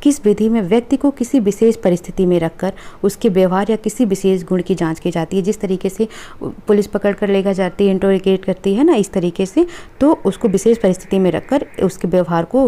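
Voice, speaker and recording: With a mellow, mid-range voice, this woman teacher goes over exam questions in a review lesson, reading out each answer choice. She frequently checks on her class by saying "ठीक है".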